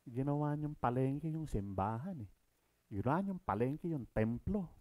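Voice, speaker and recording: A middle-aged man with a Filipino accent preaching a sermon, moving between quiet asides and loud, emphatic reading. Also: mid-range voice, animated, normal speed.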